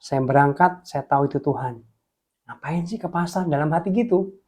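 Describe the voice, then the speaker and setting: A young man from Jepara, Indonesia, telling a testimony in a sermon, talking to listeners as "guys" and swinging between hushed and excited delivery. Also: on the high side, moderate pace. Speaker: preacher.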